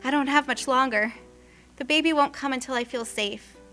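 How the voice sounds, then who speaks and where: Brief: young expectant mother in labor, faithful, breathy and strained, as a woman narrator reads her over faint music. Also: high-pitched, moderate pace, pushed and bright. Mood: worried.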